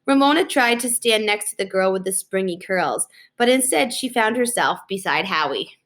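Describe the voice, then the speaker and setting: A woman with a mid-range voice reads a children's book aloud at a moderate pace, narrating in an expressive storytelling style.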